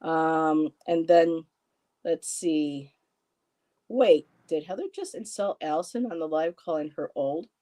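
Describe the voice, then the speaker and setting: Speaking slowly in a low, mellow voice, this fifty-something woman hosts a live stream. She chats loosely with a friend, reads comments from viewers, wanders off topic and laughs frequently.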